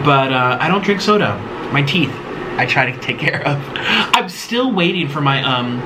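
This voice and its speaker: A man in his late twenties chatting loosely while eating, reading viewer questions aloud and rambling with many ums and little giggles. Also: on the high side. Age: late 20s. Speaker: mukbang host. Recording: steady air-conditioner hum behind.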